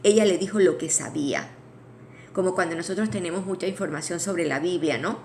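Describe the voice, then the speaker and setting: A woman teaching a Bible study in a conversational way. She restarts phrases, adds asides to her listeners, and slows down to read scripture aloud. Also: on the low side, a little mellow, a little hiss or hum. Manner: reads scripture aloud slowly.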